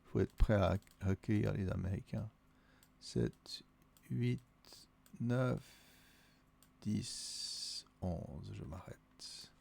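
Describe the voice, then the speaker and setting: A man's voice: fairly low pitch, drawn-out words, vocal fry, pauses often, darkish tone. A man with a Vaudois Swiss accent, thinking aloud and counting under his breath as he plays through a solo board wargame. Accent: Vaudois Swiss French.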